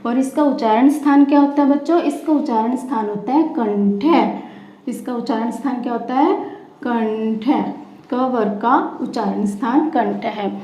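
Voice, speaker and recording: A woman's voice: a little high, moderate pace, mellow. A woman teaching a grammar lesson to schoolchildren. She asks the class questions, answers them herself, and repeats the key terms. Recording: roomy, dull lo-fi classroom recording.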